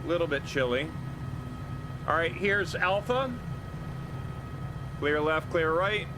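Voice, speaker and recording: Casual male streamer over loud aircraft noise. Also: on the high side, slow. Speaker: game streamer, sim pilot. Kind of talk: casual livestream chat while flying. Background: helicopter simulator engine noise.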